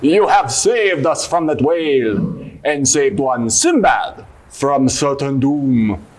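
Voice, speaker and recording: A man's voice: mid-range voice, takes it slowly, a little mellow, rough recording. A man voicing a self-important sailor adventurer in a theatrical puppet show, grandly speaking of himself in the third person. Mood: grateful. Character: dramatic adult male sailor adventurer puppet, self-important, prone to despair.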